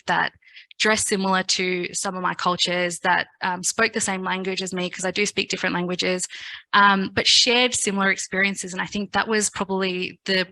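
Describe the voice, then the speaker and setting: Earnest woman from Fiji, bright and flat. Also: mid-range voice, poor audio. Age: 30s. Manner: earnest, a little emotional. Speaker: forum panelist. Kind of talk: personal speech at a forum.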